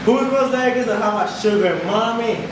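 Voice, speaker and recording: Male co-host with a high voice for casual podcast banter, recorded distantly in a very echoey room. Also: normal speed. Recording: echoey room, distant mic, noisy background.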